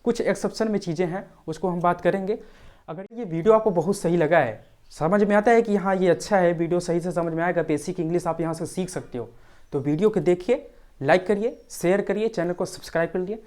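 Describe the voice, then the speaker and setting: Woman, tutor, pronunciation lesson, repetitive step-by-step delivery, low pitch, warm tone. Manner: repeats each point slowly, step by step. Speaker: English teacher. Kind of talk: tutorial explaining pronunciation rules.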